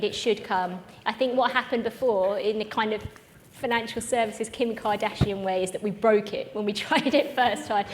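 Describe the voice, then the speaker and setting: Bubbly, high-voiced woman hosting. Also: a little hiss or hum. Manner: bubbly, chatty, self-mocking. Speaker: event host. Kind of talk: live conference presenting. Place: conference room with live audience.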